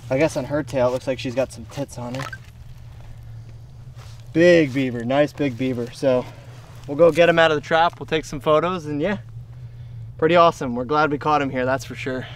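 A young man with a fairly high voice hosts an outdoor trapping vlog, talking at a moderate pace with long pauses. He chats casually to the camera using laid-back slang and folksy exclamations by creeks and marshy fields, recorded on a camera-mounted shotgun mic with faint background noise.

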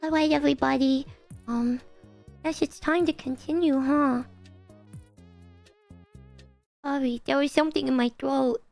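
A woman voicing a cutesy, childlike anime girl in drawn-out, babyish uwu speak while livestreaming. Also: high-pitched, fairly even intonation, creaky, darkish tone, soft background music. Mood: sheepish cutesy.

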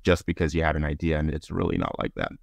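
Here the middle-aged guest, from Zambia and later living in Belgium, speaks in an extremely low, creaky voice at a quick pace. He's on a video call indoors, explaining his points conversationally as a podcast guest and thinking aloud, and the recording is dry.

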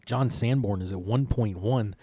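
Low-voiced man calling live poker. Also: normal speed, mellow, husky, no room sound. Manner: chatty, loose play-by-play with filler words. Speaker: poker tournament host.

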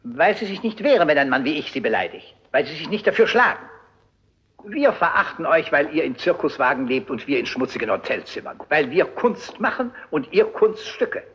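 A man's voice: on the high side, sing-song, normal speed, a bit bright, slight background noise. An actor playing a haughty, scornful theatre director who mocks his guests, in a German film dub. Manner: sneering, theatrical, mocking. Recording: dull lo-fi film soundtrack.

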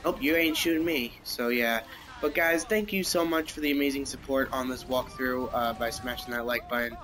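A man's voice: medium pitch, normal speed, over music. Young man rambling over racing gameplay. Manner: rambling, reacts aloud to the race. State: has the hiccups. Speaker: gameplay commentator. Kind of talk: casual let's-play commentary.

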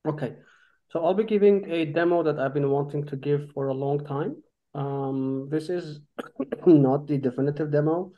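A man, a company co-founder, gives a relaxed, informal software demo over a group video call, with frequent fillers and restarts. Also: a little high, moderate pace. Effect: heard over a group video call. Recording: dull lo-fi video call audio.

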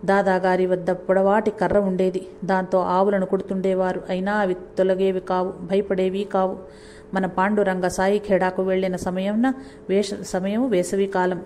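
A woman reading a saint's life story aloud, in a steady, measured way, pausing to correct her own slips. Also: medium pitch, slight background noise. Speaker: narrator reading a saint's biography. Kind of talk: devotional book reading.

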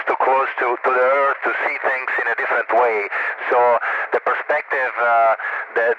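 A man, an astronaut answering questions over a radio link like a walkie-talkie, hesitant with many fillers. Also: medium pitch. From Italy. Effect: heard over a radio link, like a walkie-talkie. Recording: muffled radio downlink with loud hiss.

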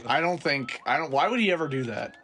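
A man's voice: fairly high pitch, animated, fast, fairly bright tone. Young man swearing through a spooky game. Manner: swears freely, blurts reactions. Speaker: player. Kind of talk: let's play commentary.

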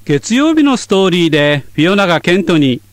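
A man teaching English on a radio lesson, explaining clearly in scripted narration. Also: sits high, big pitch swings, brisk, no room sound. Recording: dry studio sound.

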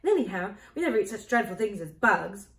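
A woman's voice: medium pitch, big pitch swings, fast talker, a bit bright. A woman voicing an earnest, curious young farm girl in a storybook reading, with a raised, wide-eyed tone, in a roomy, echoey recording. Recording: roomy echo.

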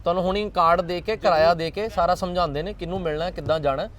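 A man's voice: high voice, steady tone, quick pace, a bit bright. A man hosting a charity street interview, consoling and reassuring the people he speaks with. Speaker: charity volunteer host.

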